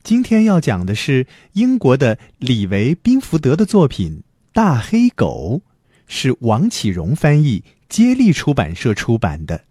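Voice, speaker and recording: A man reading a children's picture book aloud as a storyteller, with a lively delivery. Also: mid-range voice, a little slow, breathy edge, dry recording, clean studio sound.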